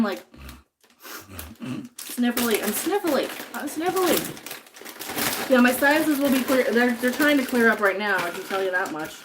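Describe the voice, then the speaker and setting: Cooking in her home kitchen during a livestream, a woman with a fairly high voice chats casually and reads viewer comments aloud. She's sniffly from chopping jalapenos, and background noise can be heard.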